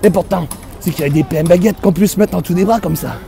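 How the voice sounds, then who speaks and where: A man's voice: sits high, quick pace, gravelly, warm tone. A man with a Québécois French accent, vlogging outdoors on a city street in a playful, self-mocking, exaggerated comedic way. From Quebec. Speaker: mindfulness speaker. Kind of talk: comedic vlog to camera.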